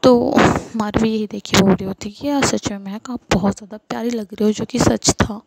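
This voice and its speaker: Young woman storyteller, chatty and rambling, slight vocal fry; casual narration. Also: medium pitch, fairly even intonation, fairly quick, a little mellow, a little hiss or hum, low-quality recording. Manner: chatty, many fillers like "matlab".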